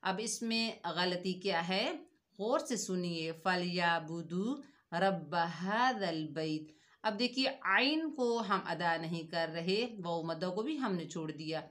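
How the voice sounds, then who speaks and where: A woman teaches a tajweed recitation lesson at an unhurried pace. She chants the recited words slowly and at length. Then she turns to plain explanation and asks the listener what went wrong. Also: fairly low pitch, lively intonation, fairly bright tone. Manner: slow, drawn-out recitation contrasted with explanation.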